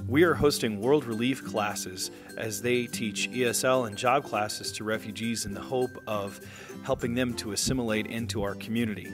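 A man in his thirties, a pastor giving earnest, upbeat narration for a church video. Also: fairly low pitch. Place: indoor room, seated.

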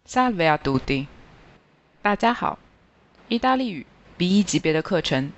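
Even-voiced teacher reading a grammar lesson, lo-fi. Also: medium pitch. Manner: slow, even, careful reading of word lists. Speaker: language teacher. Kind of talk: scripted grammar lesson narration.

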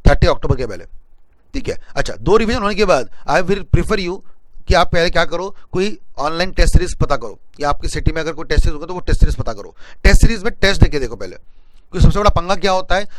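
A young man talks students through an exam study plan, sliding between Hindi and English and often stopping to ask if they follow. His voice sits a little high for a man. The sound is dry and close, with no room echo. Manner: mixes Hindi and English, addresses viewers as sir, repeats "ठीक है ना?". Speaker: exam coaching teacher. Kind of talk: study-planning lecture.

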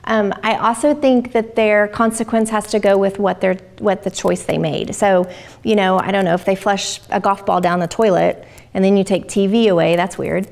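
A woman's voice: medium pitch, steady tone, normal speed, creaky, a little mellow. A middle-aged woman, a child development specialist giving a chatty parenting workshop to a live group. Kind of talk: informal workshop talk. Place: room with a live audience.

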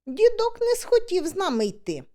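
A woman reading a humorous story aloud as an audiobook, with lively, expressive storytelling. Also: very high voice, normal speed. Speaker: audiobook reader.

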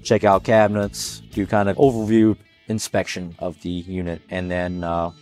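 A man giving a practical, steady walkthrough of a factory's inspection process, with a lapel mic in a large indoor factory. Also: deep voice, normal speed, soft background music. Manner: practical, steady explaining with fillers. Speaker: plant quality manager. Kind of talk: factory tour explanation.

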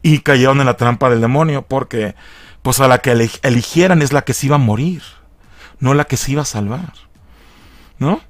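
A man's voice: mid-range voice, normal speed, pauses often, no room sound. A man with a Mexican accent casually recapping a film, profane and mocking in a chatty way. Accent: Mexican Spanish. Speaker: film reviewer.

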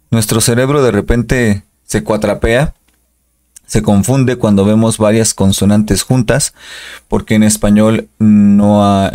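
A man's voice: fairly low pitch, a little mellow. A Spanish-speaking man giving an English pronunciation lesson, patiently repeating each model word. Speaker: English teacher.

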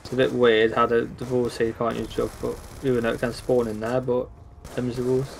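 Brief: young gamer, gravelly and quick, faint hiss. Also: male voice, medium pitch, completely flat delivery. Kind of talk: casual gaming chat.

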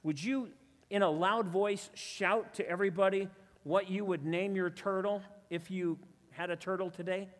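A man's voice: sits high, fairly even intonation, moderate pace. Chatty man doing magic patter in a hall. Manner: chatty, self-deprecating, playful asides. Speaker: stage illusionist. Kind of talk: live magic show patter with audience volunteer. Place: church hall before a live audience.

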